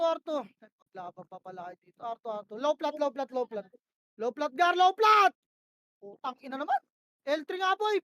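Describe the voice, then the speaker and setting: A woman with a very high, piercing voice runs her team's plays in a tactical shooter. She snaps out short commands again and again and curses when the team lags. Her headset sound is dry and close. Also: dry recording. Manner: barks short repeated commands, swears when frustrated. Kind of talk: rapid in-game voice comms.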